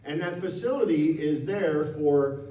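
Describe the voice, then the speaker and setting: A man's voice: on the high side, a little slow, dark tone. Man telling a story in an echoey hall. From Nevada. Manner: conversational, frank, self-correcting. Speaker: guest speaker. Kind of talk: storytelling talk to an audience. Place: town hall meeting room. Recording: echoey room from far off.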